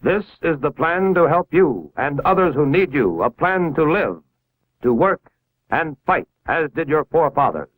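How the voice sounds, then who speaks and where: With a slightly high, somewhat bright voice, an American man reads civil defense narration in the manner of a 1950s educational film, very animated yet measured in pace. He issues directions formally and with authority. The vintage soundtrack is rough and completely dry, without echo.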